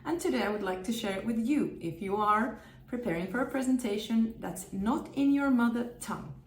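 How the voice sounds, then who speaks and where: She's a presenter and communication trainer from Finland, Finnish being her first language, offering a tips video directly to camera from an echoey room. With a fairly high pitch and brisk delivery, she stays upbeat and repeats points emphatically.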